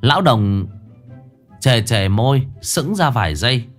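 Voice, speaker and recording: A man narrating a comic folk story in an animated, mocking way. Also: medium pitch, a little slow, faint music behind.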